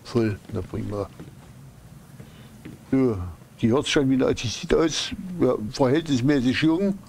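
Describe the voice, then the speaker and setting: A man's voice: medium pitch, takes it slowly, creaky, a little mellow, a little hiss or hum. A man doing casual live commentary as a game streamer, thinking aloud and muttering to himself.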